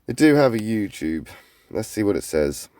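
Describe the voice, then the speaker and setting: A man's voice: lowish voice, very animated, moderate pace, a little mellow, dry recording. A man reacting to videos in casual commentary, blunt and skeptical. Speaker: micronation reviewer.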